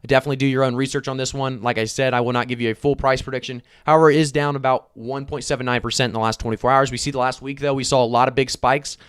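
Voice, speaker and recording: A man's voice: medium pitch, level tone, very fast, few pauses, fairly bright tone, clean tone, no echo, studio quality. A man hosting a casual live stream, chatting with many fillers while reading figures off the screen. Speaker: crypto live stream host.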